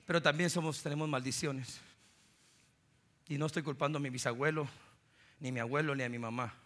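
A middle-aged man from Guatemala with a Guatemalan Spanish accent, preaching a sermon as pastor, telling stories that swing from loud preaching to soft, low asides. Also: fairly even intonation, a little fast.

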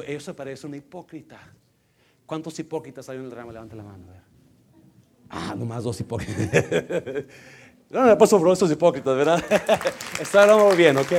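Preacher, fairly high gravelly voice, jumps from loud to hushed, drops English words. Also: male voice. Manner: swings between loud exhortation and hushed asides, mixes in English words. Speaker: pastor. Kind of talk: sermon. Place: church hall.

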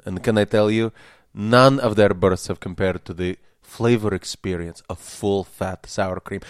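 A man's voice: lowish voice, dry recording, studio quality. A man playing a pompous, fanatical Russian sour cream promoter with a heavy Russian accent and a solemn, faintly menacing manner, as a guest in a comedy interview.

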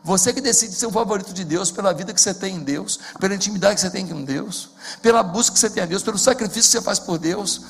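Fervent high-voiced carioca pastor. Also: male voice, fast, creaky, hardly any pauses, breathy edge. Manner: fervent, swelling to shouted climaxes. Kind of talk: sermon. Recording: echoey hall with faint music.

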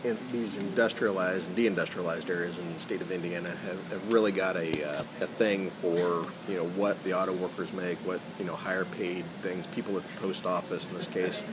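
A man's voice: low voice, noisy background. A man with an American accent co-hosting a radio panel, giving conversational commentary and rephrasing as he goes.

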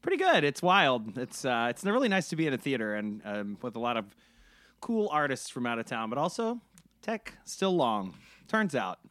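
Bright, dry-miked joking man. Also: mid-range voice, wildly swooping pitch, moderate pace, no room sound. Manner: dry wisecracks, playful. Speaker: podcast producer and editor. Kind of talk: casual podcast chat.

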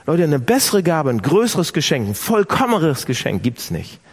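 A man preaching a sermon, speaking directly to his listeners with lively emphasis. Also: fairly high pitch, moderate pace, slightly rough. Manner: animated, addresses listeners directly.

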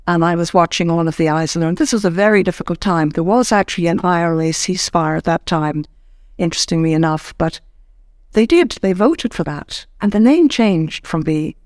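An older woman from Ireland, a former ombudsman, recounting her career in an interview with measured, halting phrasing and many restarts. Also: fairly low pitch, darkish tone, no echo, clean studio sound. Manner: measured, searching for words with frequent restarts. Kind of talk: reflective interview storytelling.

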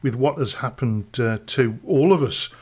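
A man's voice: mid-range voice, normal speed, a little mellow, breathy edge. A man presenting local radio, interviewing conversationally in an encouraging way, often ending on tag questions.

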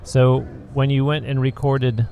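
A man with a mellow, mid-range voice talks in a level tone and a little slowly as he hosts a podcast interview on location indoors. He's talkative and explanatory, running on in long sentences, recorded through a studio mic into a handheld recorder with slight background noise.

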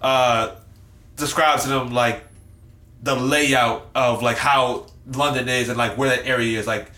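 Bright-voiced American man hosting, halting delivery. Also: medium pitch, fairly even intonation. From United States. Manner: halting, repeats words. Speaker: host. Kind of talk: casual discussion.

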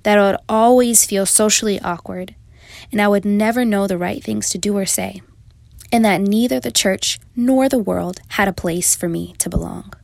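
A woman's voice: medium pitch, normal speed, vocal fry, a little mellow, no echo, clean studio sound. A young adult woman reading her own first-person story in a reflective, confessional manner. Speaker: narrator. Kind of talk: first-person memoir narration.

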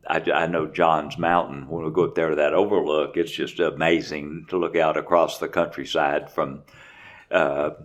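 Deep-voiced man, plain and unhurried. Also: level tone, dull audio. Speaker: race director. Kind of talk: casual interview.

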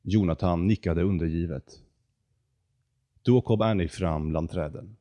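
A man narrating a storybook in a calm, measured reading voice. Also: deep voice, no room sound, dull audio.

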